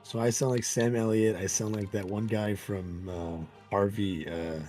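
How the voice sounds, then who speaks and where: A man with a rough, worn-out gravelly voice, chatting casually and chuckling now and then. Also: on the low side, fairly even intonation, unhurried, mellow, soft background music. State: hoarse, voice worn down. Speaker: friend in a game stream chat. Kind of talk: casual chat.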